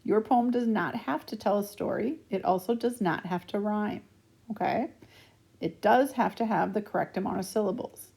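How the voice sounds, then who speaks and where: A woman's voice: mid-range voice, moderate pace, vocal fry, a little mellow, husky. A woman teaching young schoolchildren in a recorded remote lesson over slides, patiently walking through each step and checking in with frequent "okay?".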